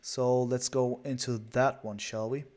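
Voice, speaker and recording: A man's voice: medium pitch, flat delivery, a little slow, darkish tone. A man casting a strategy game live, chatty and rambling with lots of fillers. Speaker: esports caster.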